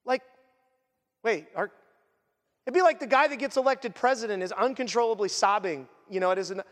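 Pastor, male, high voice, earnest conversational preacher, long hall reverb. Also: moderate pace. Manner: earnest, conversational preaching with sudden quiet drops. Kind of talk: sermon.

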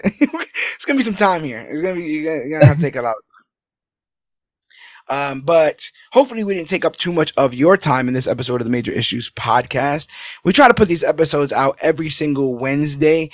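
Fast and expressive, a man with a slightly high voice wraps up his podcast in a clean studio recording free of room sound. The outro is a loose, upbeat ramble full of hype, plugs and requests for support.

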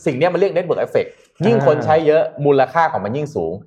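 A man's voice: on the high side, big pitch swings, fast talker, a loud crowd. Man explaining tech news, muffled sound. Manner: explains patiently with many polite particles. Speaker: co-host. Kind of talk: casual talk-show chat. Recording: slightly dull lo-fi sound.

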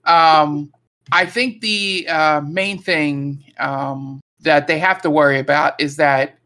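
A man's voice: fairly high pitch, fairly even intonation, slow pace, pushed and bright. A man co-hosting a podcast, talking casually and rambling as he restarts his sentences. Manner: rambling, full of fillers and restarts. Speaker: podcast co-host.

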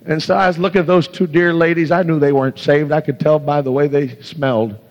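A man's voice: a little high, fairly even intonation, fairly quick. Impassioned preacher man in an echoey hall. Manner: impassioned, exclaims hallelujah and glory to God. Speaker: evangelist preacher. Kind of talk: sermon with storytelling. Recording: echoey hall, dull lo-fi sound.

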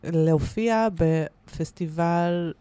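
A woman's voice: lowish voice, mellow, clean tone, no room sound. A woman guest on a studio podcast, chatting casually and telling a story with lots of fillers and laughs. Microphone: studio microphone.

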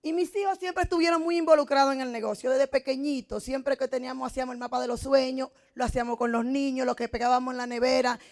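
A woman's voice: high voice, steady tone, quick pace, hardly any pauses. A middle-aged woman who gives a motivational business testimony and tells her story with emotion and drama. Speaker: network marketing speaker.

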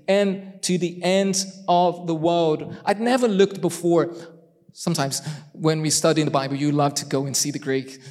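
A man preaching a sermon in a conversational way, with joking asides about himself, slowing down to stress key phrases. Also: high voice, a little mellow. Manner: conversational, self-deprecating asides; emphatic, slows for key phrases. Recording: long hall reverb.

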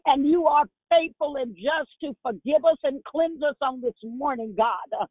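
A woman with a high-pitched voice prays spontaneously at normal speed, leading a phone prayer line. She's fervent and repetitive, filling the gaps between her cries with frequent filler sounds, and the telephone recording is dry and tinny.

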